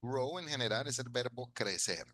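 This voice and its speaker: A man's voice: medium pitch, moderate pace, pushed and bright, dry recording. A man teaching an English class in Spanish, patiently explaining grammar and repeating phrases for his students. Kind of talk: bilingual classroom lesson.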